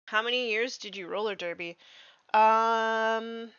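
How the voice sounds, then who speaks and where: A woman in her thirties chatting casually on a live stream while painting miniatures, relaxed and full of fillers. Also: fairly high pitch, slow pace, clear, resonant tone, no echo, dull audio. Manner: relaxed and chatty, many fillers, baby-talks to her dog.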